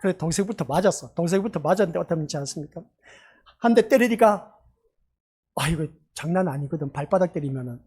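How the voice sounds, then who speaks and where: A man preaches a Sunday sermon in his church with a slightly husky, breathy voice. He talks emphatically, pausing to throw rhetorical questions at the congregation. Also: on the high side, animated, darkish tone. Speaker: pastor. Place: church sanctuary.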